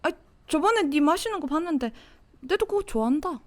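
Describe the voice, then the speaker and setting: A woman voicing a cocky, teasing teenage girl classmate in a Gyeongsang dialect, in a whispered role-play with a soft, close-mic delivery. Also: sits high, animated, brisk. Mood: playful. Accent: Gyeongsang Korean dialect. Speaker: voice actor.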